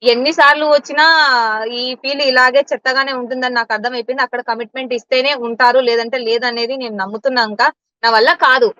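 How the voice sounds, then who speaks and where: A woman's voice: high voice, fairly even intonation, quick pace, pushed and bright, no room sound, highs cut off. A woman giving blunt, indignant answers in an interview. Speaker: interview guest.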